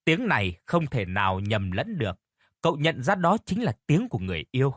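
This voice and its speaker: Expressive male audiobook narrator. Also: fairly quick, dry recording, studio quality. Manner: expressive storytelling, lively pitch.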